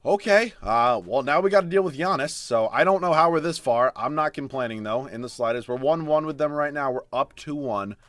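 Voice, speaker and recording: A young man casually commentating his basketball video game as he plays, swinging from low mutters to loud swearing outbursts. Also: expressive, brisk, hardly any pauses, dry recording. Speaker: gaming streamer.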